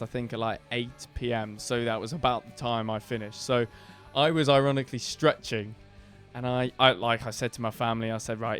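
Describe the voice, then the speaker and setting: A booming-voiced man co-hosts a casual band podcast, rambling through a story with plenty of fillers and restarts in a relaxed chat.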